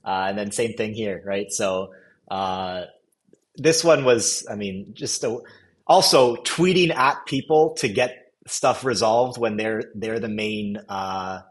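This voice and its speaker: A man's voice: fairly low pitch, slow pace. A man hosting a casual podcast chat, rambling and laughing at his own points. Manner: rambling, laughs while mocking himself. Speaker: podcast host.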